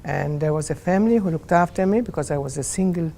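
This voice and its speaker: Creaky-voiced elderly Maltese-accented woman reminiscing. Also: low voice, fast talker, mellow, slight background noise. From Malta. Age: 80s. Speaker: club member. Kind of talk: casual personal reminiscence.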